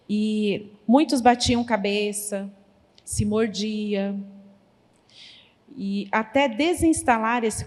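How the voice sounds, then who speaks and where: Woman lecturing in an echoing church hall. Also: medium pitch. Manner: lively, addresses audience directly; acts out quoted conversations. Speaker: pedagogue giving a talk. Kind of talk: church conference talk. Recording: long reverb of a large hall.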